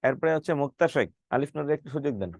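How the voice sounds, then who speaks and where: A man's voice: on the high side, animated, rapid-fire, vocal fry, no echo. Man teaching, drilling letters. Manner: drills letters aloud, asks questions of students. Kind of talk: online lecture on Bengali phonetics. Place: online class, live with students.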